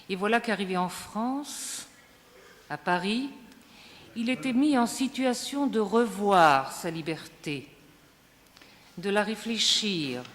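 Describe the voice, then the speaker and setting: A woman at a conference reading her prepared text aloud in a slow, measured, lyrical way, a little back from the microphone. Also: medium pitch. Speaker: conference speaker. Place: large conference hall. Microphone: microphone at a distance. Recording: reverberant hall, faint hiss.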